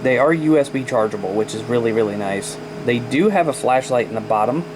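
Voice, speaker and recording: A man's voice: mid-range voice, lively intonation, fairly quick. A plain-spoken, folksy man giving a casual product review as a vlogger. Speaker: radio reviewer. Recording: noisy camera audio.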